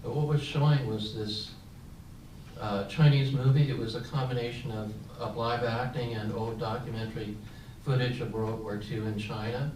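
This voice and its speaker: On a panel, an older man from San Francisco, United States, shares his experiences as a veteran, reflective and prone to fillers and restarts. His mid-range voice is a little mellow, with fairly even intonation and normal speed. Room noise and echo come through the distant microphone.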